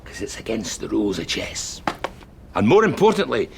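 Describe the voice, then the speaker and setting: An actor with a Scottish accent playing a prisoner who holds a hostage, sing-song and mocking, swinging from jovial to threatening. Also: male voice, lowish voice, huge pitch swings, moderate pace, creaky, background noise, heavily acted. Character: charming, menacing male prisoner holding a hostage. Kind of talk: television sitcom acting.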